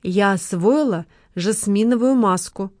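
A woman's voice: medium pitch, a little slow, darkish tone, no echo, clean studio sound, close to an everyday voice. A woman voicing a chatty, proud beautician with a fussy, gushing manner.

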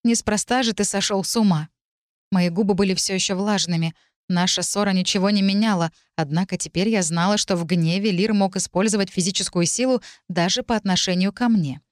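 A woman narrating a novel in the first person, in an even storytelling manner. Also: mid-range voice, dry recording, studio quality. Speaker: audiobook narrator.

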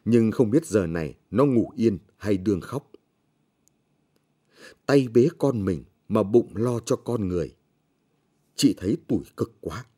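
Slow, somber male storyteller. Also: lowish voice, expressive, mellow, slightly rough. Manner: slow, measured, somber reading. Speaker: audiobook narrator. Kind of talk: scripted story narration.

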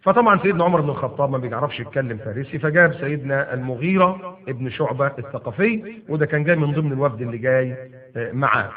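A man with an Egyptian Arabic accent preaching, retelling a story in lively colloquial bursts. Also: medium pitch, racing. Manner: animated, bursts into loud emphatic retelling. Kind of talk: sermon storytelling. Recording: tinny phone-like lo-fi audio.

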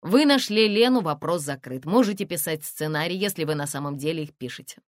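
A curt, sardonic middle-aged museum director, read by a woman in an audiobook. His lines come in a lowish, lively voice, dry and close. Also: brisk, dry recording. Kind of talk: audiobook character reading.

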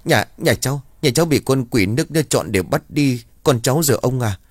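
A man's voice: lowish voice, animated, moderate pace, no echo, studio quality, natural voice. A man voicing a distraught young village mother who pleads with choked, broken phrases in a storytelling narration. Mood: crying, pleading.

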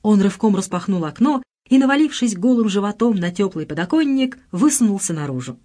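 A woman narrating an audiobook with an expressive storytelling delivery. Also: medium pitch, a little fast.

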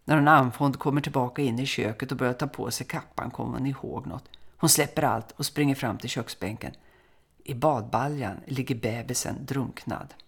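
A woman podcast co-host and folklorist, calmly reading a listener's letter and story aloud in a measured way. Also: rumbling low. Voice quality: creaky.

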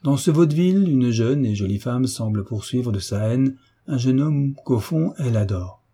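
A man's voice: mid-range voice, expressive, dark tone, breathy edge. A man reading a sly mocking hunchbacked marquis. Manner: teasing, ironic, drawn-out courtesy. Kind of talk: audiobook character reading.

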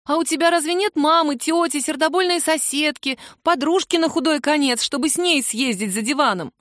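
A woman's voice: sits high, a little fast, a bit bright, no echo, studio quality, pitched above the performer's own voice. Woman voicing a sleepy, indignant young woman. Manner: indignant, exaggerated exclamations. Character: sleepy grumpy young woman, sharp-tongued friend.

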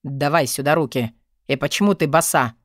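A gruff, hoarse man speaks in a low, menacing half-whisper, as a woman narrator puts him on. The voice sits deep and grumbles each word with dry closeness. It suits a brooding rescuer in an audiobook. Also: moderate pace, no room sound, close to an everyday voice. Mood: stern. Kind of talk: audiobook character voice.

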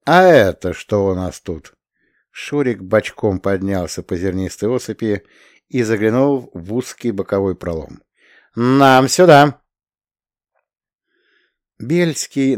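A man narrating a science-fiction audiobook in a measured, steady voice. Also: medium pitch, dry recording, clean studio sound.

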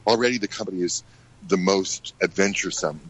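A middle-aged American man, a ballet director, answering questions in a radio interview, halting with many fillers and restarts. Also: low voice, a little hiss or hum, rough recording. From United States.

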